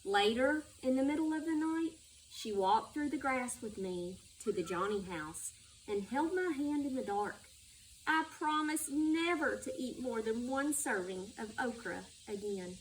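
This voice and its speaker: Picked up by a distant microphone amid background noise, a woman who is a school superintendent reads a children's story. Her voice is a little high and animated, her pace slightly slow.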